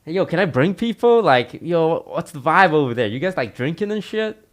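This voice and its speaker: A man doing a hyped party guy. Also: moderate pace. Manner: excited, insistent, higher.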